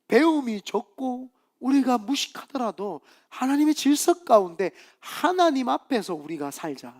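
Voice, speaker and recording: A pastor preaches, his pitch rising and falling widely as he tells stories. His man's voice has a gravelly edge. He slips in and out of the voices of the people in the tales he tells. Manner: animated storytelling, acting out voices in quotes. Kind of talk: Friday evening sermon.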